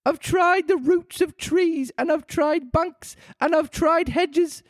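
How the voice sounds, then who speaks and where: Squeaky shrill pigeon lady, super high, huffy and sneery, stretching words out. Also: slow pace, no room sound, studio quality. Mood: aggrieved. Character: shrieking indignant female pigeon.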